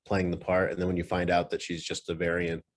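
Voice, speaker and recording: A man's voice: low-pitched, monotone, fairly quick. A man co-hosting a podcast, rambling in a casual chat and often restarting his sentences. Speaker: podcast co-host.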